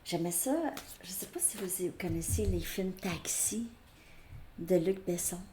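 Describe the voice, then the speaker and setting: A woman's voice: fairly low pitch, steady tone, unhurried, warm tone. A woman with a Québécois French accent giving a casual, rambling tarot reading, thinking aloud with many fillers. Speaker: tarot reader. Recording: echoey room with faint noise.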